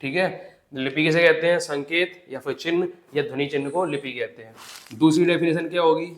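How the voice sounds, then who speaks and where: A man's voice: a little high, normal speed. Echoey male Hindi grammar teacher. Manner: explains step by step, repeats definitions, asks rhetorical questions; addresses students as "bhai". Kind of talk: exam-prep classroom lesson. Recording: echoey classroom sound.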